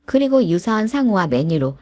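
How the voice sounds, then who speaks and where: A woman's voice: mid-range voice, sing-song, brisk, a little mellow, no echo. A woman narrating her own dramatized first-person story in a bitter, aggrieved tone.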